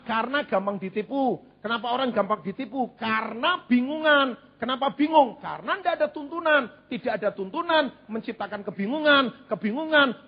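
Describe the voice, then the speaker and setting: A man delivers a sermon in a high, husky voice. He preaches with animated repetition and a light touch of humor. The recording sounds dull and lo-fi. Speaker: pastor.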